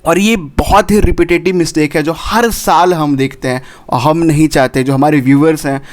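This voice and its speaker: Urgent, fairly high-voiced male counsellor. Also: steady tone, normal speed. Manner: urgent, repetitive, warns directly, drops English words into Hindi. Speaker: admissions counsellor. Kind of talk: counselling advice video.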